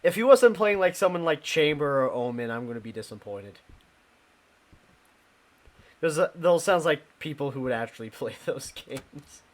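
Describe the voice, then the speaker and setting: A man's voice: a little high, animated. A young man streaming a ghost-hunting game live, chatting casually with his viewers and laughing easily. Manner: chatty, talks to chat, quick laughs.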